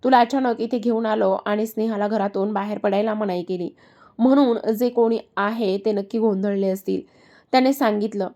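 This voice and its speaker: A woman reads a romantic family story aloud, doing every part herself. Her voice sits in a middle register with a gravelly texture that runs through both narration and dialogue. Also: mid-range voice, steady tone, moderate pace, dark tone.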